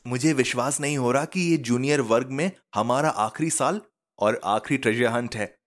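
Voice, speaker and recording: A high, bright-voiced schoolboy, eager and quick to tears, bursting with excitement over seeing his friends, as a man puts him on in a storybook reading. The voice sits well above an adult's and sounds a little set apart in tone. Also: close to an everyday voice. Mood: wistful. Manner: eager, emotional, exclaiming. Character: tearful excitable schoolboy Ben.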